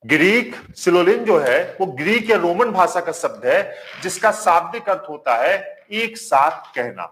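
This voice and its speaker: A man with a high voice and big pitch swings teaches a live online reasoning class a little slowly, with few pauses, while a marker squeaks on a whiteboard. He warmly greets his viewers, repeats each point, and quizzes them.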